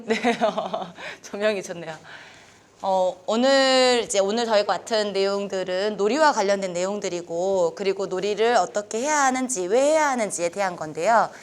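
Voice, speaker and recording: A woman's voice: mid-range voice, normal speed. A woman instructor leading a training class, upbeat and encouraging as she guides the group step by step through a game. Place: lecture room with adjustable lights.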